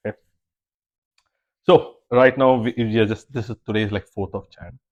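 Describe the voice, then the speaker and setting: Young male podcast host, low voice, rambling and teasing; casual chat. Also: fairly even intonation, normal speed, a little mellow, lo-fi sound. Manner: rambling, teasing, many fillers.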